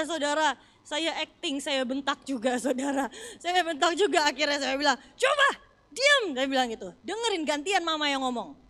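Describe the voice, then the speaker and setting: A woman pastor in her thirties preaching a sermon, swinging from loud emphasis to soft near-whispers and often addressing the congregation directly. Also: high voice. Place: church hall.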